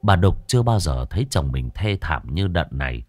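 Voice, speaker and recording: A man narrating a ghost story in a dramatic, expressive storytelling manner. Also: a bass voice, normal speed, faint music behind.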